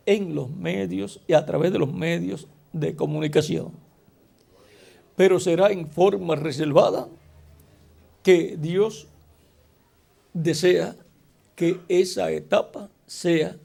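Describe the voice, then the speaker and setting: A man preaching a sermon slowly and deliberately, asking the congregation rhetorical questions. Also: a little high, vocal fry, warm tone.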